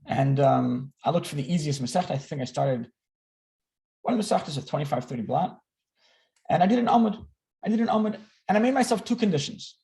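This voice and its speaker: A man in his thirties with a slightly high yet dark-toned voice speaks a little fast with lively intonation. A native English speaker at an online learning gathering, he gives the video-call group a candid, self-deprecating personal talk, often doubling back to repeat words and restart.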